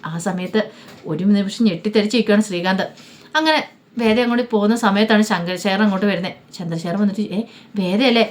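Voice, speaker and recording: A woman retelling a TV serial episode in a brisk, conversational storytelling manner. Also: mid-range voice.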